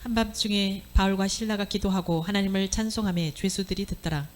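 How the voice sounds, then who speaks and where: A woman reading Bible verses aloud in a steady recitation during a church service. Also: medium pitch, a little fast. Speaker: scripture reader.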